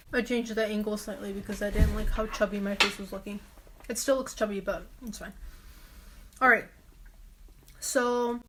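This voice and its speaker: Young woman, slightly high voice, chatty rambling vlogger telling a story to camera at home. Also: a bit bright. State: out of breath. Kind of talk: casual storytelling vlog.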